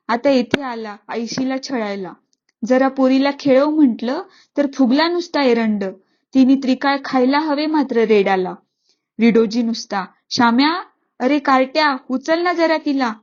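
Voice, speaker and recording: A woman's voice: a little high, warm tone, muffled recording. A woman voicing an overworked middle-aged village mother who scolds in a raised, exasperated voice.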